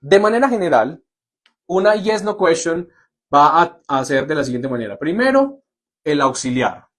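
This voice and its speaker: A man with a fairly high voice teaches a live class. He keeps it light and joking and keeps checking that everyone is following. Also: normal speed. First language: Spanish. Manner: lively, jokey, asks "¿listo?" often. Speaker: English teacher. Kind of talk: live online lesson.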